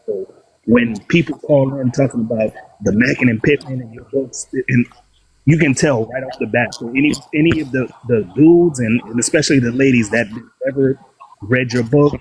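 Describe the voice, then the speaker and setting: A man's voice: mid-range voice, a little mellow, breathy edge. A male caller of Haitian origin talking as an eager, slangy fan on a bad connection. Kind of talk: casual call-in. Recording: noisy bad phone reception.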